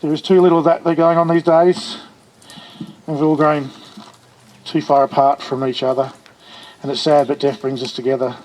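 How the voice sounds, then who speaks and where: At his childhood friend's funeral, a man with a high, flat-toned voice delivers a eulogy. He speaks earnestly but haltingly, restarting often, and the recording is poor with a little background noise.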